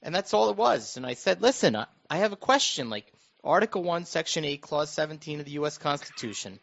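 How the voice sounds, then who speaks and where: A radio show host who also sits on a school board chats casually about politics, earnest and explanatory, repeating himself for emphasis. His voice is animated, fairly quick and fairly bright, with vocal fry. The audio is dull, muffled and low fidelity.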